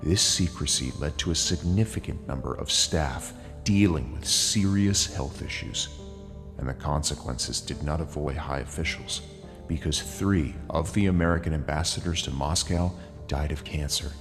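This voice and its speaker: A man narrating a script in a disguised, artificially deepened voice, reading facts and lists in a steady, deliberate way. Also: long reverb tail, faint music behind.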